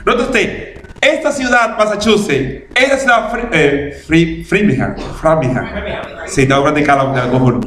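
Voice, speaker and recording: A man's voice: high-pitched, normal speed, slight background noise. A man pastor, preaching a storytelling sermon in a church and acting out past conversations. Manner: animated, laughing testimony, acting out past conversations. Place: church in Massachusetts. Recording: echoey church hall, faint room ambience.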